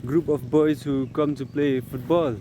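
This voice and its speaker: A man's voice: mid-range voice, steady tone, measured pace, warm tone, a little hiss or hum. A man with a Northeast Indian accent talking casually outdoors for a running vlog, hesitant and often repeating his phrases. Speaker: vlogger. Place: outdoors on an open grass field.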